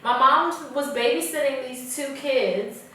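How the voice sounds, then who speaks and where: A woman's voice: high voice, unhurried, noisy background. A young woman from Kenya, a podcast guest, chatting casually and laughing often. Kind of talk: casual chat. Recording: echoey room, far from mic.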